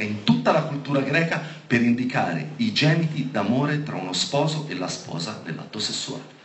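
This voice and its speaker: A man preaching a sermon, reading Bible passages aloud and stressing the key words with emphatic, animated delivery. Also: mid-range voice. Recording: echoey room with faint background noise.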